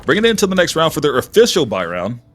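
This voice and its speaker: Male esports caster, husky and highly animated, casual live play-by-play over music. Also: very fast. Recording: music behind the voice.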